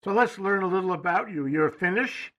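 A man hosting a talk show, interviewing a guest over a remote call in a halting, rambling way full of fillers. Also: sits high, expressive, fairly bright tone, poor audio. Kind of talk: casual interview. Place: studio in Hawaii.

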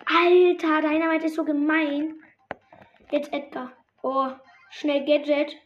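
A woman giving excited gameplay commentary, reacting loudly to each moment of the match. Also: sits high, slow pace, dull audio. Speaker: gamer.

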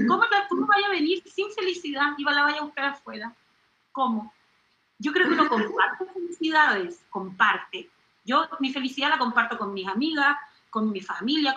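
A middle-aged Chilean woman in a studio interview, animated, exclaiming and acting out little voices as she talks. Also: high voice, echoey room, lo-fi sound. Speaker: singer and comedian guest.

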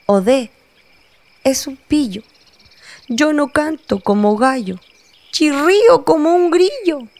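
Brief: storybook rabbit, tiny, squeaky cricket chirp, very high. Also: female voice, animated, slow pace, pauses often, a little mellow, full character voice. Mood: indignant.

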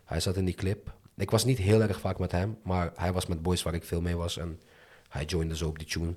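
A man's voice: sits low, level tone, moderate pace, darkish tone. A young man speaking in casual Dutch street slang, chatting candidly as an interview guest. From moved to the Netherlands from abroad as a child.

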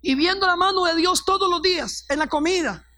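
A woman's voice: extremely high pitch, fairly quick, pushed and bright, no room sound, clean studio sound. A middle-aged woman pastor gives a fervent testimony sermon, acting out the voices of people in her stories. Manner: fervent storytelling, acts out quoted voices.

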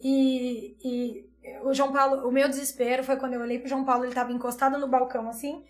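A woman's voice: high-pitched, little pitch movement, fast talker. A woman in her thirties, a pediatrician, telling an emotional personal story in earnest, tumbling bursts with repeated phrases.

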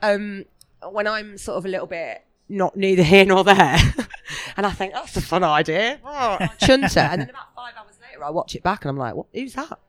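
A woman's voice: medium pitch, expressive, normal speed. A woman with a Birmingham accent and a cold, chatting casually in a talkative, self-deprecating way as a food blogger. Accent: Birmingham (Brummie). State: has a cold. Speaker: food blogger, interview guest. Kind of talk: casual chat.

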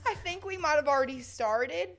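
Giggly young woman hosting a chatty podcast, high and lively voice. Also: moderate pace. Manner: giggly, playful, laughs often. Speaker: podcast host. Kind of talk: casual chat.

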